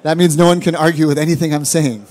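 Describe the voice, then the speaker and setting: A man's voice: fairly high pitch, steady tone, fast talker, a little mellow. A man with a mixed Jamaican and Canadian accent gives a live presentation to an audience at an event, casual and joking, with plenty of fillers. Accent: mixed Jamaican and Canadian English. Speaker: rum brand ambassador giving a presentation. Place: event hall.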